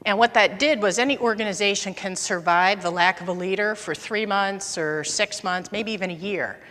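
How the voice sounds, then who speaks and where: A woman's voice: medium pitch, moderate pace, a bit bright, big-room sound. A woman in her fifties giving a conversational conference talk, telling anecdotes from her career. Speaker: conference presenter. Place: conference auditorium.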